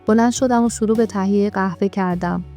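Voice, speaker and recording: A woman storyteller reads a first-person tale at a brisk, steady pace in a mid-range voice. Faint music plays underneath the narration. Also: mid-range voice.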